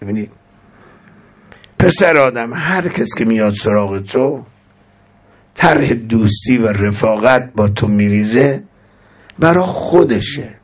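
A man giving a sermon. He recites Arabic verses slowly, then explains them in everyday speech with emphatic rising exclamations. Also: medium pitch, expressive, slightly rough. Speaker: preacher.

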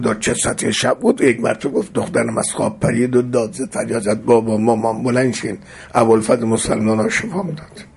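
A male preacher telling a sermon story with dramatic swings, his voice gravelly and rough with fry. It sounds husky and strained, and it leaps up high in the emotional moments. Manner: dramatic retelling with sudden high emotional outbursts.

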